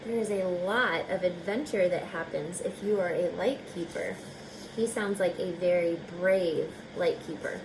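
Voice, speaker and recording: A woman teacher with a lowish voice reads expressively from a picture book, talking directly to young listeners in chatty asides. She phrases everything slowly and deliberately, and there is background noise.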